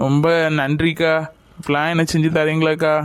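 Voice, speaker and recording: A man's voice: on the high side, monotone, a little fast, clean tone, no room sound, natural voice. A man voicing a grateful, emotional pregnant young woman in a family skit. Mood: tearful.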